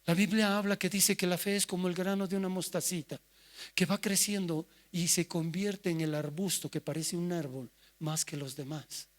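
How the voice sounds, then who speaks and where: A man preaching a sermon as pastor, moving from quiet asides to loud cries as he acts out the people he quotes. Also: sits high, steady tone, normal speed. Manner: swings from soft asides to loud shouted quotes.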